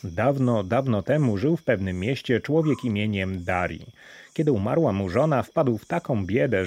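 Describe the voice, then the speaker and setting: A man reading a fairy tale aloud as an audiobook narrator, in a calm, measured storytelling manner. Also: lowish voice. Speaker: reader, narrator.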